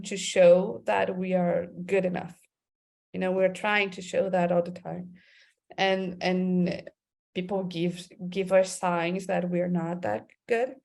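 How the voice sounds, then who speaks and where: Speaking English as an interview guest, this creative director and club president from Brazil's Amazon region has a Brazilian Portuguese accent. Her fairly low voice is a little mellow, with vocal fry. She comes across as thoughtful, often restarting and leaning on fillers.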